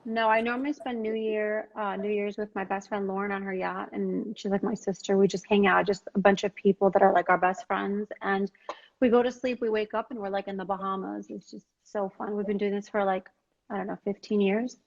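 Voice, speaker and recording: A woman's voice: mid-range voice, little pitch movement, brisk, vocal fry, highs cut off. A woman in her forties chatting casually as a guest on a live stream, upbeat and full of "like" and "um". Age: 40s. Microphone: remote call audio.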